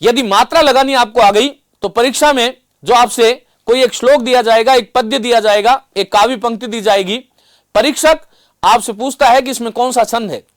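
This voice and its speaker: High-voiced man teaching, dry sound. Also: no room sound. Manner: explains carefully, often repeats reminders and slowly demonstrates sounds. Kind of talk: classroom lecture.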